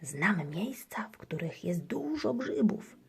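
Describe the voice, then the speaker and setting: A woman voicing a kind, gentle elderly grandfather in a children's storybook. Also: a little high, normal speed, pitched above the performer's own voice, lightly acted. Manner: gentle, soft-spoken.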